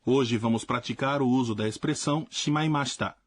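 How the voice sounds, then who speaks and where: Husky male language teacher, dry sound. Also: medium pitch, a little fast, dry recording. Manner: clear, explanatory. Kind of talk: scripted lesson narration.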